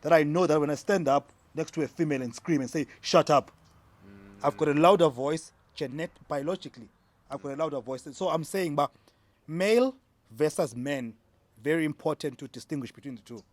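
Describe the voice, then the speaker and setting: Here a middle-aged native Xhosa speaker from South Africa's Eastern Cape sits on a discussion panel, arguing emphatically in a casual debate and repeating key points. His voice is fairly high and brisk, with no room sound in the recording.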